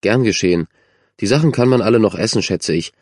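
A man's voice: fairly low pitch, fast talker, darkish tone, dry recording, studio quality, close to an everyday voice. A man voicing a self-assured, friendly young girl who stands up for others. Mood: confident. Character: confident, kind young girl, team captain.

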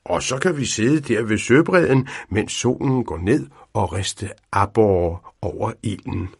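A man voicing a patient old male inventor in a storybook reading, speaking gently with hesitant pauses. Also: on the low side, vocal fry, husky, no echo, studio quality.

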